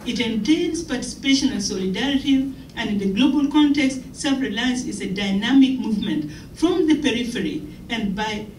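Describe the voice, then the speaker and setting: A woman's voice: on the high side, expressive, normal speed, few pauses, slight background noise. A middle-aged woman giving an impassioned, emphatic keynote speech at a podium mic in a lecture hall. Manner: impassioned, emphatic, gestures widely. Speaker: keynote speaker. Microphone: podium mic on a stand. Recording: echoey hall, picked up from far off.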